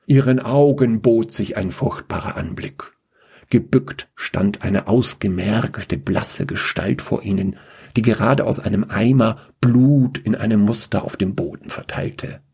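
A man narrating a fantasy story in a calm, measured reading voice with a husky tone. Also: on the low side.

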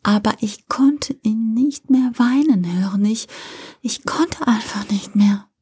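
A woman voicing a young blinded female angel, pleading and tearful in a higher, rising whisper, in a whispered role-play. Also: slow pace, dark tone, slightly rough, full character voice. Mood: anguished pleading.

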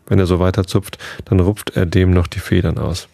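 Deep, gravelly male story reader. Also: flat delivery, moderate pace, mellow, no echo. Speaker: narrator. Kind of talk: scripted first-person story reading.

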